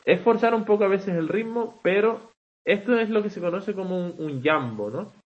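A man's voice: high voice, expressive, moderate pace, muffled recording. A man teaching English poetic meter in an online class, talking conversationally and checking in with frequent rhetorical "vale", with some hesitant restarts.

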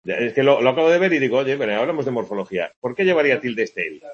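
A man's voice: mid-range voice, expressive, very fast. A man giving a casual grammar lesson, chatty and full of tag questions. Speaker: Spanish teacher. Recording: lo-fi dull sound.

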